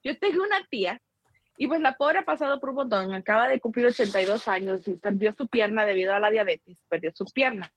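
A woman from Guatemala, chatting casually as co-host, telling animated stories and mimicking her relatives, dropping in English phrases. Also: a little high, a little fast, no room sound. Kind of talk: casual chat.

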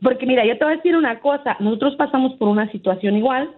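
A woman's voice: sits high, fast. A woman calling into a radio show, telling a family story earnestly and often checking in with "right?". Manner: earnest, keeps asking "¿verdad?". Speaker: caller. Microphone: telephone. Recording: tinny phone line.

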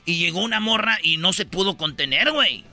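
A man's voice: high-pitched, fairly quick, dry recording, soft background music. A man with a Mexican accent telling news stories as comic banter on a radio show, full of slang. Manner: joking, animated storyteller with slang.

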